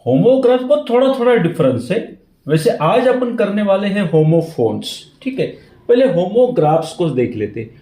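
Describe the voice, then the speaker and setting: A man's voice: high-pitched, big pitch swings, normal speed, dark tone, roomy sound. A man teaching an English grammar lesson in Hindi, often repeating key words and checking in with the listener.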